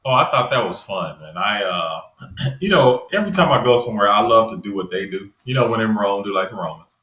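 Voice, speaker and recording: Speaking fairly quickly in a lowish voice, a US man sits as a relaxed podcast guest in a roomy-sounding space. His casual interview talk rambles along with plenty of fillers like "you know."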